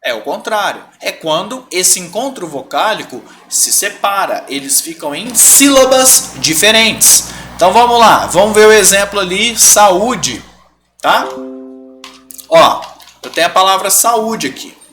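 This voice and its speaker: A man's voice: high voice, very animated, measured pace, bright, forceful tone, soft background music. A Brazilian man teaching a live online grammar lesson, explaining step by step, stretching out example words and often checking in with his students. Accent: Brazilian Portuguese.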